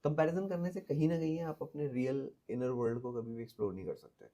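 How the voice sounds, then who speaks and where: A man's voice: mid-range voice, fairly even intonation, fast talker, dark tone. A man, a teacher giving earnest advice as a podcast guest and mixing English phrases into his Hindi.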